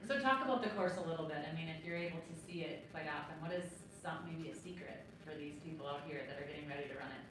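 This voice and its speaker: A woman moderating a panel, asking relaxed, conversational questions. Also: deep voice, fast talker, hardly any pauses. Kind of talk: interviewing on a panel. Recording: echoey, distant mic, noisy ambience.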